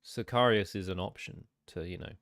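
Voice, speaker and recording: A man's voice: deep voice, a little fast, a bit bright. A man co-hosting a podcast, chatting casually with dry, teasing humor and frequent swearing. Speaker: podcast co-host. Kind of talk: casual banter.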